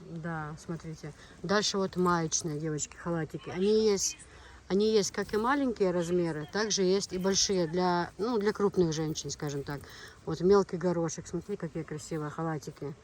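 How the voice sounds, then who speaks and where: A woman's voice: on the low side, normal speed. A chatty woman vlogger talking casually as she shops and shows goods, often repeating herself. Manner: chatty, repetitive. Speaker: shopping vlogger. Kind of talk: casual shopping chat and showcase. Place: market shops. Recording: faint shop background noise. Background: faint ambient noise.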